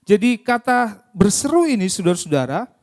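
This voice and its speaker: High-voiced male pastor questioning his congregation. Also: normal speed. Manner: lively, keeps asking the congregation questions. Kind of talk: interactive sermon. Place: church service.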